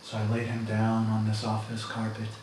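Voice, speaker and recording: A soft-spoken man guides a mock meditation with earnest, self-important solemnity. His voice rings through a very echoey room and sounds a little distant from the mic. A faint hiss sits underneath. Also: on the low side, completely flat delivery, normal speed.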